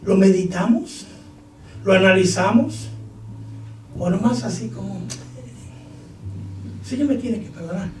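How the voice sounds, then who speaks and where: A man preaching a sermon, acting out dialogue and breaking into shouted bursts. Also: sits high, unhurried, pauses often. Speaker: pastor. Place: church hall. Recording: echoey hall, distant mic, faint noise.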